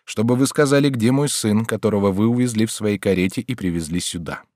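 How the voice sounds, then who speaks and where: A man voicing a calm but firm male doctor who questions a patient steadily and insistently in an audiobook. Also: lowish voice, fast, no echo, clean studio sound, lightly acted. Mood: urgent. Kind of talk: audiobook character reading.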